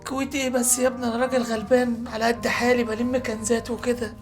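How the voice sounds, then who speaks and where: A man's voice: very high voice, little pitch movement, fast. An actor playing a poor, humble Egyptian father who collects old clothes, speaking meekly and apologetically, with music playing behind. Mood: tearful. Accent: Egyptian Arabic. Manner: meek, pleading, apologetic. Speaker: father of Mahmoud.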